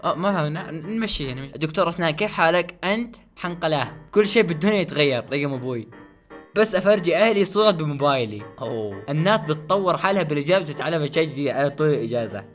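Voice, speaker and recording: A man doing casual reaction commentary as he tries not to laugh, excitable and often repeating phrases. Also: fairly high pitch. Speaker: host of a try-not-to-laugh challenge video.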